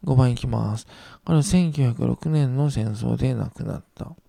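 A man teaching English grammar, patiently repeating each example sentence slowly and reassuring his students. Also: medium pitch, vocal fry, mellow, no echo, clean studio sound. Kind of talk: recorded grammar lesson.

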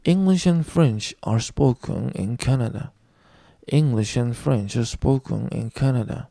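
A man teaching English grammar, patiently repeating each example sentence slowly and reassuring his students. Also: medium pitch, creaky, dark tone, no echo, clean studio sound. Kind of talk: recorded grammar lesson.

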